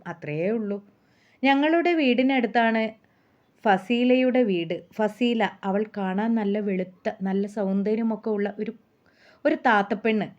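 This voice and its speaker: A woman narrating a spoken story in a measured, descriptive way. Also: mid-range voice, a little mellow. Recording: muffled lo-fi.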